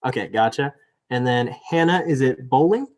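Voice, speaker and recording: A young man acting as student elections director moderates a live virtual debate by video call, speaking at normal speed in a mid-range, slightly mellow voice with lively intonation. At first he's chatty and apologetic with many fillers; then he reads the rules formally.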